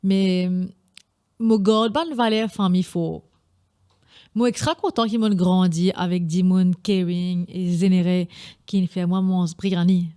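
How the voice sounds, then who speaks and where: A woman's voice: lowish voice, fairly even intonation, a little slow, warm tone, clean tone. A young woman with a Mauritian Creole accent hosting a casual solo podcast, chatty and often slipping in English phrases. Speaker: podcast host.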